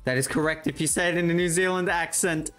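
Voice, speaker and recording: A man streaming video games, giving casual commentary in an excitable, jokey way and often breaking into laughter. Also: a little high, quick pace, faint music behind.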